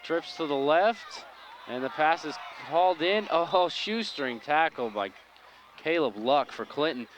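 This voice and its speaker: A man's voice: on the high side, expressive, measured pace. Easygoing guy doing play by play for a small town football game, faint outdoor noise behind. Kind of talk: local high school football commentary.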